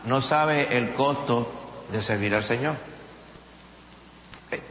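A man with a Puerto Rican accent preaching a sermon. He talks in an animated way, rising when he quotes people and dropping low on asides. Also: slow, a little hiss or hum. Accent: Puerto Rican Spanish. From Puerto Rico. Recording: echoey hall, dull lo-fi sound.

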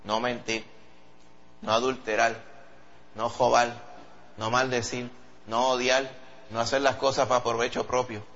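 A man preaching a sermon with a Puerto Rican accent, animated and acting out quoted voices. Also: unhurried, long pauses. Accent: Puerto Rican Spanish. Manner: animated, acts out quoted voices in a high pitch. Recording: dull lo-fi sound.

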